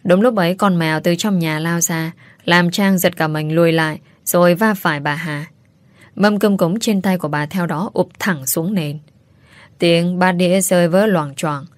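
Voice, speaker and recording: A woman reading a family story aloud in a steady, even narration. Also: lowish voice, moderate pace, no echo.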